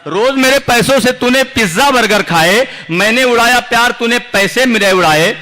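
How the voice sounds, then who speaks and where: With a very high, bright and forceful voice at normal speed, an Indian poet declaims his own verse at a recital. Performing at a large outdoor poetry gathering, he mixes humorous and serious pieces and repeats lines for effect.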